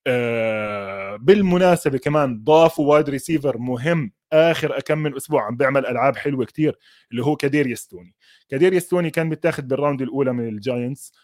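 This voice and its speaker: A man's voice: mid-range voice, rapid-fire, darkish tone. A man with a Levantine Arabic accent giving casual, unscripted sports analysis, mixing English terms into his Arabic. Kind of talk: casual unscripted football commentary.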